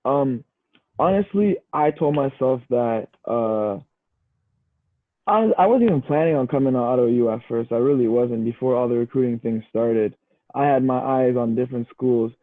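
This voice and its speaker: Heard through a tinny, phone-like, dry line with no room sound, a young Canadian man talks at normal speed and medium pitch. He's a university football player guesting on a casual podcast, relaxed and easygoing, frequently saying "bro" and "you know."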